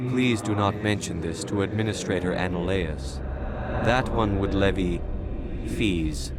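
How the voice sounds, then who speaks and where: A man voicing a polite, scheming alien merchant in a video game, speaking in a formal, measured, discreet way. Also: lowish voice, natural voice. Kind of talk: video game character dialogue. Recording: loud music behind the voice.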